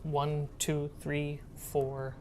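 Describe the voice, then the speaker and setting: Over loud background music and slight noise, a woman narrates and explains as the game master of a tabletop session, improvising casually. She speaks in a low monotone, drawing out her words.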